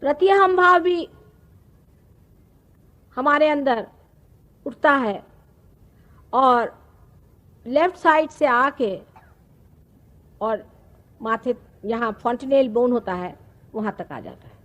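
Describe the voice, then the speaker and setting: A woman, giving a slow, explanatory spiritual discourse with pauses. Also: sits high, animated, a bit bright. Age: 50s. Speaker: spiritual teacher. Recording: archival talk recording.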